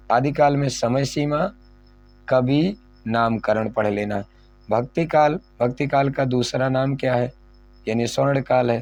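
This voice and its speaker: A male teacher walks through an exam syllabus in a medium-pitched, slightly mellow voice. He keeps repeating the key points and poses questions that he then answers himself.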